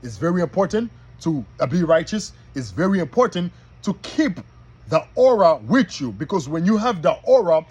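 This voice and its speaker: A man's voice: on the high side, big pitch swings, normal speed, darkish tone, breathy edge, rough recording. A man preaching informally to his listeners in a folksy way, often checking that they follow along. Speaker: online preacher.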